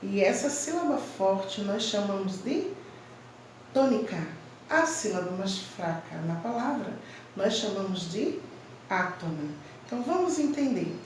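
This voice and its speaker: A woman teacher giving a slow, emphatic grammar lesson to children, stressing each syllable clearly. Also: mid-range voice, animated, recorded from a distance, slight background noise. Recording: very echoey room, voice from off-mic.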